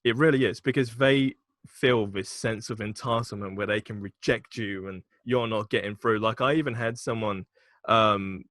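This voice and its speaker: A man's voice: on the low side, moderate pace, a bit bright, dry recording. Frank, chatty man. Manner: chatty, frank, swears casually, laughs often. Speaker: podcast guest, agency founder. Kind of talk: casual podcast chat.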